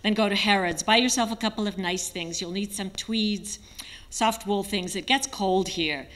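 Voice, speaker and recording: A woman reading aloud, voicing a suave, assured male anchorman who gives advice, partly hushed. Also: medium pitch, normal speed, lightly acted.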